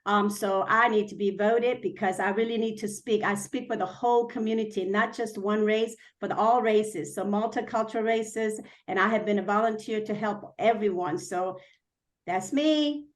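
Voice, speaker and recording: A Korean city councilwoman, whose first language is Korean, delivers an earnest campaign speech full of fillers and restarts. She speaks at a normal pace in a medium-pitched voice.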